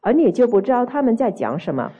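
A woman's voice: fairly high pitch, sing-song, quick pace, mellow, husky, muffled recording. A woman interpreting a sermon phrase by phrase, hesitating with small fillers while she finds the words. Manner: hesitant, fills gaps with "ah" and "er" while translating.

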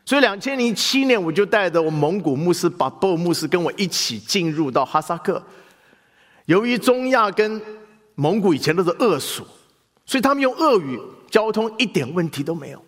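A male pastor preaching a sermon in animated style, asking the congregation questions. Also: high-pitched, moderate pace, big-room sound.

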